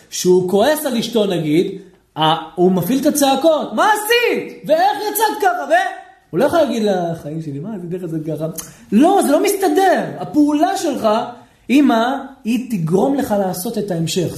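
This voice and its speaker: A man, a rabbi, teaching a lively Torah lesson, questioning his listeners and acting out shouting people. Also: sits high, roomy sound. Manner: animated, asks the audience questions, acts out shouting people.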